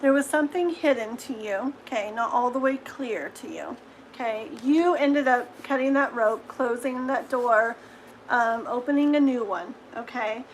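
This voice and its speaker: High-voiced chatty woman reading tarot. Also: a little slow, a little hiss or hum, rough recording. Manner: chatty, reassuring, full of "okay?" tags and giggles. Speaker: tarot reader. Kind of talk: live-stream tarot reading.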